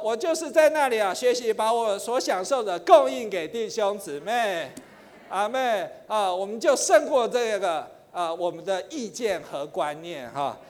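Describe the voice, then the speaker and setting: A middle-aged man teaching in church, chatty with many fillers, slowing into chanted prayer. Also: extremely high pitch. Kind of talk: sermon teaching. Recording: long hall reverb.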